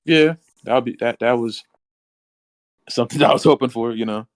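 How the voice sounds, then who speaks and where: A man's voice: medium pitch, moderate pace, dry recording. A man co-hosting a podcast, chatting casually and laid-back with short agreeing replies. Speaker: podcast co-host. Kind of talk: casual wrestling chat.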